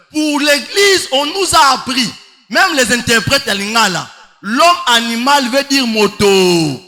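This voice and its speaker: High bright-voiced preacher in a hall. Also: male voice. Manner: emphatic, rhetorical questions, sing-song stretches. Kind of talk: sermon. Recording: long hall reverb.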